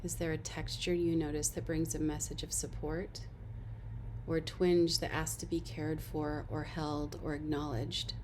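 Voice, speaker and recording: Guiding a body-scan meditation, a female instructor speaks in a low, level tone over slight background noise. Her instructions are gentle and unhurried, offered as soft invitations.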